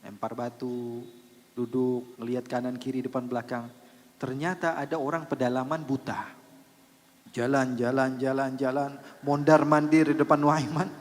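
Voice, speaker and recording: A man preaching a sermon at a large religious gathering, telling a story in an animated, earnest way. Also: medium pitch, normal speed. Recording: long reverb in big hall.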